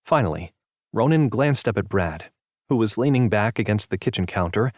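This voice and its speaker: A man with a lowish voice narrates a romance audiobook from a script, keeping an even, steady storytelling rhythm at a moderate pace. The recording is studio quality with no echo.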